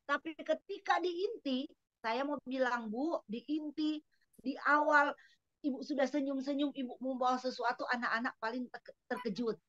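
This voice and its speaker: A woman lecturer gives a trainee teacher spoken feedback in a high, bright voice. She questions, corrects and acts out little classroom scenes as she goes. The sound is dry and a little muffled. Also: moderate pace, no echo. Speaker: exam lecturer giving feedback.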